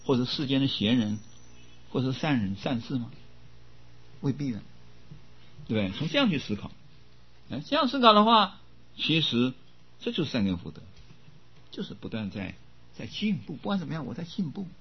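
An older man giving a Buddhist dharma talk as teacher, often coughing and clearing his throat, repeating words as he goes. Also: medium pitch, sing-song, normal speed, long pauses, slight background noise. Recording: dull lo-fi recording.

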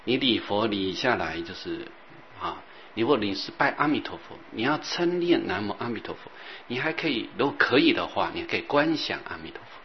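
A man teaching as a Buddhist master, rambling and repeating himself, sometimes chanting softly. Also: on the low side. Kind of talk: dharma talk. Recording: dull lo-fi recording with faint hiss.

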